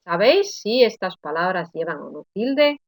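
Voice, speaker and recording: A woman giving an online grammar lesson, sounding out words slowly and explaining with frequent checks like "¿eh?". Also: fairly low pitch, big pitch swings, no echo. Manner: slow, careful word-by-word pronunciation drills; explanatory, addresses students with frequent "¿eh?". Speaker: Spanish teacher.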